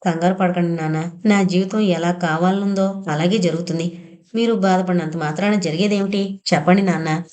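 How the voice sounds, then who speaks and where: A gentle young daughter calms her worried father, her voice low and mellow, as a woman narrator reads her part. She speaks softly and soothingly in this audio novel. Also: normal speed, natural voice. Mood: consoling. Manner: soothing, consoling.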